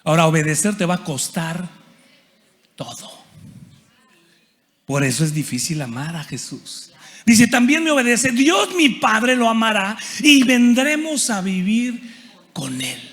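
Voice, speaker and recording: A man preaching a lively conference sermon as a Bible teacher, often asking the audience questions and acting out quotes. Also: high-pitched, measured pace, long pauses. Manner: animated, asks the audience questions and acts out quotes. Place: large church auditorium. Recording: long hall reverb.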